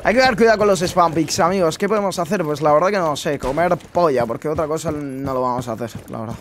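Ranting young Spanish gamer. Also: male voice, fairly high pitch, quick pace, slight background noise. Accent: Spain. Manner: ranting, swears a lot. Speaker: gaming streamer. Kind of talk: casual gameplay commentary. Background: game sounds.

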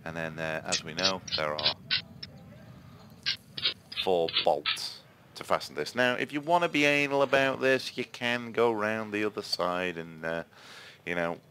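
A man's voice: sits low, fairly even intonation, a little slow, pauses often, bright, forceful tone, a little hiss or hum. A man giving chatty gameplay commentary, explaining each step and checking in with "yeah?" asides. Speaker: game reviewer.

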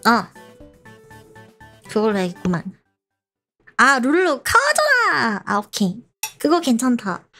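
A woman's voice: on the high side, wildly swooping pitch, takes it slowly, long pauses, bright, forceful tone, soft background music. A woman chatting casually and playfully as she streams a game. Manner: playful, giggly. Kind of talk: casual gameplay chat.

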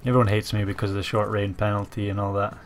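Stuffed up with a cold, this man hosts a gaming channel and thinks out loud over a strategy game, filler words everywhere, keys tapping behind him. He talks fast in a lowish voice that barely moves in pitch, over a slight hiss or hum.

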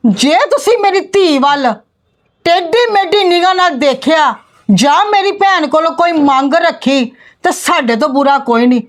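In an amateur family drama, a woman with a Punjabi accent and a high-pitched voice plays the bride's stern, middle-aged maternal aunt. Speaking at a moderate pace with light acting, she confronts the niece's in-laws, scolding and threatening them.

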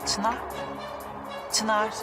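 An actress playing a gentle, reserved young wife who speaks softly and hesitantly in a TV drama. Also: female voice, very slow, recorded from a distance, over music. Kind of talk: TV drama acting. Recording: voice set back from the mic.

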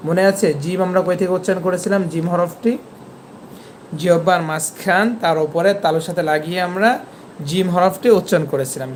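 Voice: medium pitch, darkish tone, a little hiss or hum. Patient teacher drawing out letter sounds. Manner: patient, repeats each letter slowly and drawn out. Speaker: Quran teacher. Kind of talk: online lesson on letter pronunciation.

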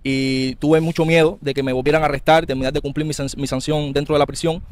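Fast-talking Cuban man telling his story. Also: a little high, little pitch movement, a little mellow. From Cuba. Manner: earnest, quick, tumbling narration with small restarts. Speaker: interviewee, former political prisoner. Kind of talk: recounting a personal story in an interview.

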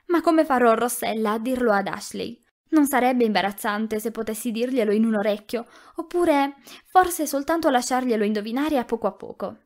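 A woman reading an audiobook, voicing a gentle, tactful young woman who speaks softly and a little breathlessly. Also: fairly high pitch, normal speed, natural voice. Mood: anxious. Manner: soft, eager, slightly breathless. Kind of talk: audiobook character voice.

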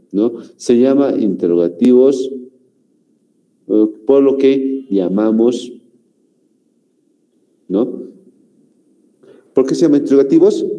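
A man from Bolivia teaching a grammar class, speaking slowly and repeating himself, forever checking in with "¿no?" and "muy bien". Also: on the low side, mellow, dull audio. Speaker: language teacher.

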